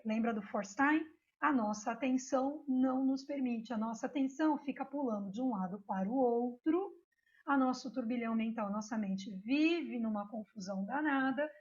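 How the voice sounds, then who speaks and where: A high-voiced Brazilian woman teaching an online yoga course. She tells stories in an animated, chatty way, with many little asides. The recording is muffled and lo-fi. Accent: Brazilian Portuguese. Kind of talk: online course lecture with storytelling. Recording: dull lo-fi recording.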